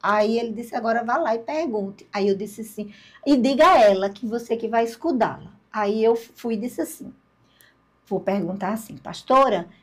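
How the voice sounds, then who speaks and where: Older woman, lively storyteller, fairly high voice, plays out the conversations. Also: moderate pace, breathy edge. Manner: lively storyteller, acts out dialogue, laughs at herself. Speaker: guest. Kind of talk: storytelling in a podcast interview.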